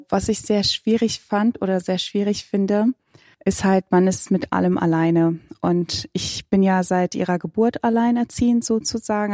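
Mellow-voiced woman talking reflectively. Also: mid-range voice, dry recording, studio quality. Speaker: panel guest. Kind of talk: personal account in a panel talk.

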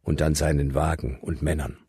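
Guy doing god's voice, super deep and husky, solemn commanding, dry mic. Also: level tone, mellow, dry recording, exaggerated voice. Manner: solemn, grave, measured. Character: God, deep commanding divine male voice.

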